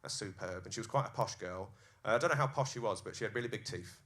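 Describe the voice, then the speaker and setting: Bright-voiced stand-up man. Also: lowish voice, fast talker. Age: 30s. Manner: animated, acts out scenes, crude jokes. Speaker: stand-up comedian. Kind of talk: stand-up comedy set. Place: comedy club stage, live.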